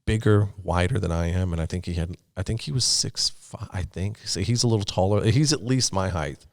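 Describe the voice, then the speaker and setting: A man with a very low voice hosts a relaxed interview chat. He tells stories full of swearing and acts out the people he quotes. The sound is dry and close, with no room echo. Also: fairly quick. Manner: profane, storytelling, puts on voices for quotes. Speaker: podcast host.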